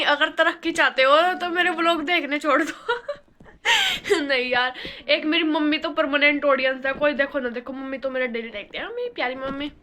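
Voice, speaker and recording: Young female vlogger with a Western Uttar Pradesh Hindi accent, high and bright, blunt and rambling, phone-mic hostel-room chat. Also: a little hiss or hum. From western Uttar Pradesh, India. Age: young adult. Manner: blunt, rambling, laughs often, plain rustic speech. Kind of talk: casual chatty vlog.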